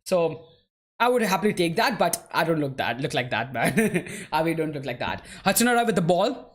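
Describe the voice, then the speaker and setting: A man's voice: on the high side, very animated, a little fast. Chatty man commenting a football watchalong. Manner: casual, chatty, peppers talk with "bro" and "man"; laughs easily while answering chat. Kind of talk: live match commentary and chat replies.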